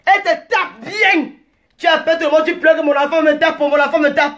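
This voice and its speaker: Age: 40s. Sex: woman. Pitch: high. Style: combative live-stream rant. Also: brisk. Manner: combative, insulting, rambling, bursts into shouting.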